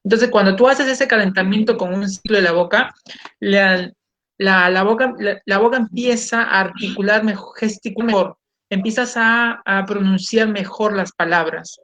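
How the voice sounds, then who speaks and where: A man's voice: high voice, normal speed, pushed and bright. A man hosting a casual online interview, explaining and demonstrating pronunciation drills aloud. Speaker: host and coach.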